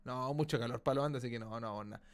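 A man with a Chilean accent giving live gameplay commentary as a streamer, excitable, exclaiming and swearing casually. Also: medium pitch, racing, clean tone.

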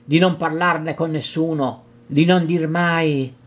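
A fearful old village priest, as a male reader puts him on, fretting and stammering as he pleads and scolds in a dramatic novel reading. The voice sits somewhat high for a man. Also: steady tone, takes it slowly. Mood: frightened pleading.

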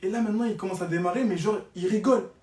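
A young man telling a story on a live stream in an animated, dramatic way, repeating phrases for emphasis. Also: high-pitched, rapid-fire. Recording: roomy, distant from the mic.

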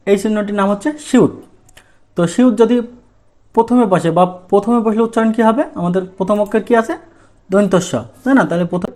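Man, language teacher, high voice, asks and answers his own questions. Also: darkish tone. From Bangladesh. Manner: asks questions, then answers them himself. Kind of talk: lesson in Bengali.

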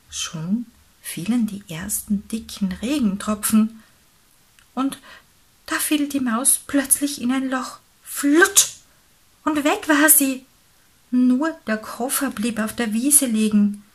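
Soft, breathy woman reading a storybook. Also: a little high. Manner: soft, slow, near-whispered reading. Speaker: storybook reader. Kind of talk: reading a picture book aloud for children.

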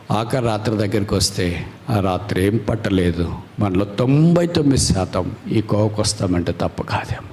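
A man's voice: on the low side, a little mellow, slight background noise. A man preaching a fervent sermon, building repeated phrases to rising climaxes.

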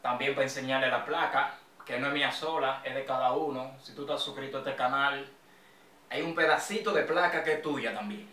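A man's voice: medium pitch, brisk, bright, forceful tone. A young man with a Dominican accent, vlogging in a rowdy, joking, slangy way. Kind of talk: casual street-slang vlog. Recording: echoey room, mic a bit distant.

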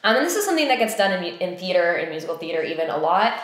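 A woman's voice: lowish voice, very animated, racing, fairly bright tone. A young woman, a theatre company co-founder and director, talking casually and thinking aloud with lots of fillers. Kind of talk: casual conversation. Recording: very echoey room.

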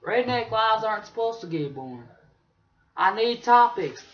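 High-voiced drawling redneck played by a young man. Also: lively intonation, normal speed. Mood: casual, bored. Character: bearded rural redneck man, opinionated, easily bored. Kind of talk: casual vlog rambling in character. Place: small bedroom, indoors. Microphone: webcam or laptop mic at arm's length. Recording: dull lo-fi webcam sound.

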